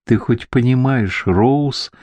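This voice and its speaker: A man's voice: medium pitch, slow pace, darkish tone, dry recording. A man voicing a bitter, possessive male professor who speaks in accusing tones. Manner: accusing, reproachful.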